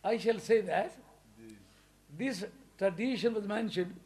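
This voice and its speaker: With a high-sitting voice and a measured pace, a religious preacher from Pakistan addresses his congregation in English. His accented sermon swells into loud, emphatic stresses, punctuated by chuckles between points.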